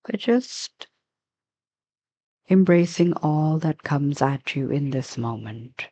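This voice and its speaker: A woman teaching a guided meditation gives soft, unhurried instructions broken by long pauses. Her voice sits low and sounds animated.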